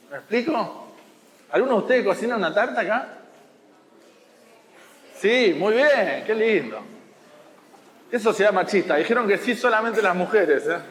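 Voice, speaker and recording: A man's voice: high voice, in a large hall. A man with a Rioplatense Spanish accent giving a watercolor masterclass to students, explaining patiently and teasing them now and then. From Argentina. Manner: explanatory, teasing, checks understanding. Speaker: watercolor teacher. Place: school hall.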